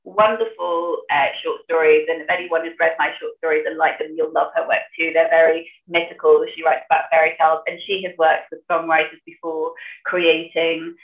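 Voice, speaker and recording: Fairly quick and flat, her low-pitched voice carries an English accent as this Sunderland-born author and poet from northeast England discusses her writing in conversation. For the poetry reading she puts on the Geordie accent she's lost. Audio is thin, phone-like and echoey.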